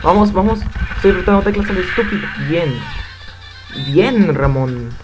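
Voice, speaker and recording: A man's voice: high voice, lively intonation, normal speed. A young man with a Mexican Spanish accent commenting casually on a fighting game as he plays, swearing in frequent outbursts. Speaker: gamer. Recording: game music loud behind voice.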